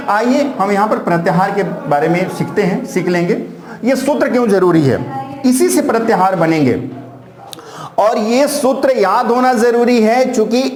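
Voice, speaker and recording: High-pitched teacher in an echoey room. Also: male voice. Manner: recites syllables in slow drawn-out lists, addresses students as "beta". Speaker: Sanskrit grammar teacher. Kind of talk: classroom-style lesson.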